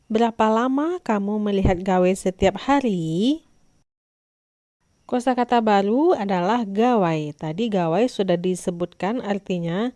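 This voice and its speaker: A woman teacher, giving a scripted lesson to young children in a clear, instructive way. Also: medium pitch, warm tone, no echo, studio quality.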